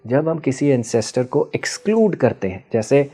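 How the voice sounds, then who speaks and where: The man's voice is medium in pitch, mellow and husky, with big pitch swings and a moderate pace. Interviewed as a guest expert on ancestral healing, he explains ideas in a patient, teacherly manner, often checking in with questions, and mixes English terms into his Hindi.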